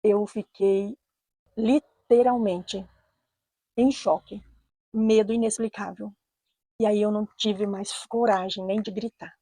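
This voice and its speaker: A Brazilian woman with a Brazilian Portuguese accent, telling a true personal story in an earnest, measured way and repeating phrases for emphasis. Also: medium pitch, fairly even intonation, dark tone, no echo. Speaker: storyteller, channel host.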